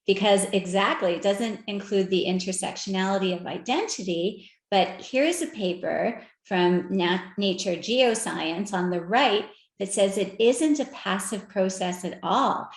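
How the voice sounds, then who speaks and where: A woman gives a conference talk, speaking in an animated, conversational way and putting direct questions to her listeners. Her voice sits in a middle range, and the room around it is roomy and echoey. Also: mid-range voice, unhurried, hardly any pauses. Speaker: speaker at an equity research event. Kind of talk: conference talk presenting slides. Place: virtual event.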